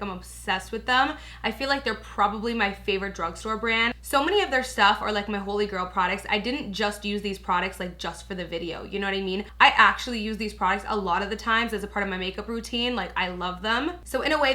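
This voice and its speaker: A young beauty vlogger with a mid-range voice chats casually through a makeup tutorial, her bright, forward tone made raspy and hoarse. She gushes freely, sprinkling in little asides and plenty of "like" and "you guys."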